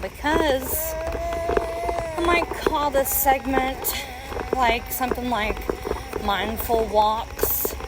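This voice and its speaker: Slow-talking woman musing on an outdoor walk. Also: a little high. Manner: musing aloud while walking. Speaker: podcast host and mother. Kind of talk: casual unscripted podcast monologue. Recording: outdoor walking recording, loud ambient noise. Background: crunching dry leaves underfoot, outdoor noise.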